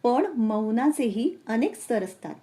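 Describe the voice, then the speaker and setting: A woman reading a spiritual essay aloud in slow, measured recitation. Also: a little high, lively intonation, dark tone, slight background noise. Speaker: reader and channel host.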